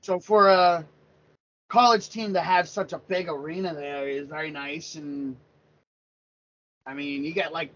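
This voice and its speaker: A man's voice: fairly high pitch, steady tone, measured pace, pauses often, a bit bright. A man in his thirties from Pennsylvania, talking sports casually and rambling, with many restarts. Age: 30s. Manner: rambling, repeats words and restarts often. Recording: lo-fi dull sound.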